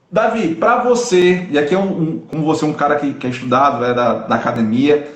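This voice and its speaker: Hesitant host, echoey room. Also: male voice, fairly high pitch. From Northeast Brazil. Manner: hesitant, restarts phrases. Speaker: interview host, pastor. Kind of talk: conversational interview questions.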